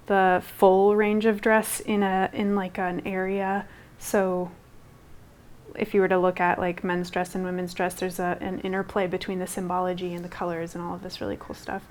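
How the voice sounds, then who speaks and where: A young Guatemalan textile artist whose first language was Spanish speaks casually in an interview, rambling with lots of fillers and restarts. Her voice is fairly low and a little mellow.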